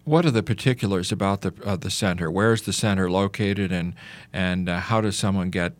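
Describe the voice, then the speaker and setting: A man hosting a radio interview, asking friendly, halting questions. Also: deep voice, no room sound. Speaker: radio host.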